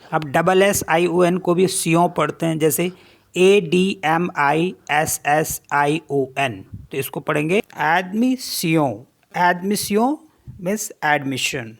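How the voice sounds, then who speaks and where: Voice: medium pitch, creaky. A teacher giving a French pronunciation lesson, spelling each word letter by letter and then repeating how it is read. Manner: slow, deliberate explanation. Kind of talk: online language lesson.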